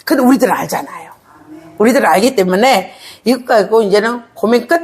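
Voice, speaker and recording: A middle-aged woman pastor preaching a sermon, animated and teasing, asking the congregation questions, laughing, and breaking into shouts and a tearful tone. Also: a little high, fast.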